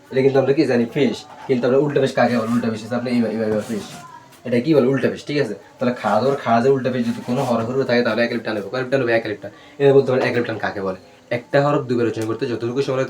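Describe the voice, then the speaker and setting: A man teaching a Quran reading class, spelling Arabic letters out slowly and drilling them with repeated questions and answers. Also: medium pitch. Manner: slow, syllable-by-syllable recitation.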